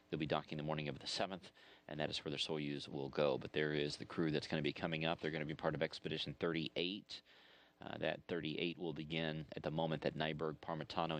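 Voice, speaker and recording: A man's voice: a bass voice, fairly bright tone. A man explaining events in conversational broadcast narration as a mission control commentator.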